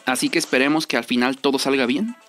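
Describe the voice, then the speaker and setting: Music runs under this gaming creator's voice as he talks fast in a medium pitch with a slightly bright edge. He's young, has a Mexican accent, and keeps his game commentary loose and slangy, circling back to repeat points for emphasis.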